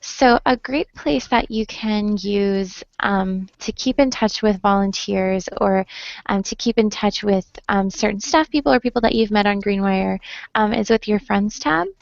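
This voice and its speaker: Speaking a little slowly in a medium-pitched voice with vocal fry, a young woman leads a friendly screen-share training online, filling her speech with "um." There is no room sound; she's heard through a computer mic on a video call, in dull, lo-fi web call audio.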